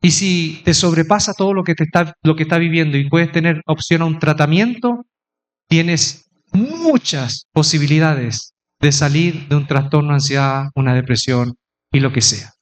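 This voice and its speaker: A middle-aged man preaching to a congregation with a fairly high voice. He talks in a conversational, easy way and slips into playful mimicry. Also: moderate pace. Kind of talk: sermon.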